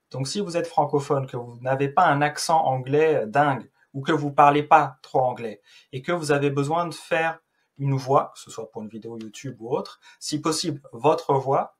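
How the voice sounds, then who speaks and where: A man casually explaining a software tool as a YouTuber, in a loose, informal way with frequent hesitations. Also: medium pitch, husky.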